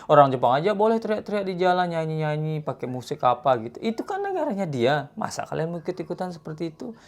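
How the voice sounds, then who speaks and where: A man's voice: fairly high pitch, big pitch swings, quick pace. A man from Indonesia who lives in Japan, giving an earnest, scolding commentary to his viewers in a casual vlog. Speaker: vlogger living in Japan.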